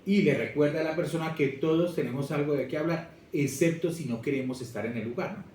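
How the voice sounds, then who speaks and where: Man, language teacher, lively lecture, distant mic, echoey room. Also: a little high, a little fast, a little hiss or hum. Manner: lively, expressive, speaks straight to the audience. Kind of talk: lecture to students.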